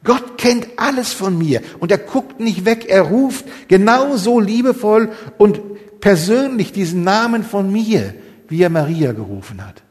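A man's voice: high voice, animated, a little slow. Earnest preacher man in reverberant hall. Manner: earnest, many rhetorical questions, rising emphasis. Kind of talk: sermon.

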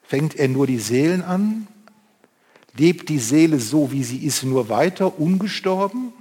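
A man preaching a sermon and reading from the Bible, moving between loud emphasis and hushed, intimate passages. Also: on the high side, lively intonation, measured pace, breathy edge. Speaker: pastor. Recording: long hall reverb.

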